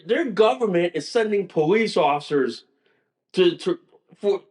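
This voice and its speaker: A man hosting a solo podcast, ranting angrily with profanity and frequent stumbling restarts. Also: high-pitched. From United States. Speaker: podcast host. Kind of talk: solo political rant.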